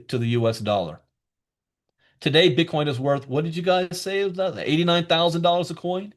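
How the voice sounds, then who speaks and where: This is a man hosting a live online lesson at a middle pitch. He talks to his viewers in a chatty, emphatic way and leans hard on key words. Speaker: crypto educator hosting a live class. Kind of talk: live online teaching session.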